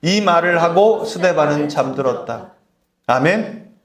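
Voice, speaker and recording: A man's voice: a little high, animated, unhurried. A man preaching a sermon as pastor, calling out to the congregation and asking for amens. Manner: call-and-response preaching, repeated "amen?". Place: church sanctuary. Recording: echoey church hall.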